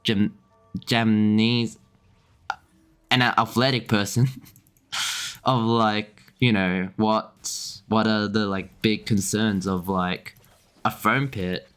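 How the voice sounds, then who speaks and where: A young man chatting on a game stream in a lowish voice. He rambles, leans on filler words, restarts his sentences and keeps breaking into small laughs. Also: steady tone, slow, a bit bright, smooth. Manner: rambling, filler-heavy with frequent restarts and chuckles. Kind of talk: casual chat while gaming.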